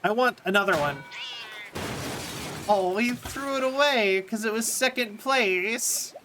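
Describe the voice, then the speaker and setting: A woman's voice: fairly high pitch, animated, slow pace. A woman chatting casually on a game livestream as a VTuber, with a cute, upbeat anime-streamer delivery. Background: game music.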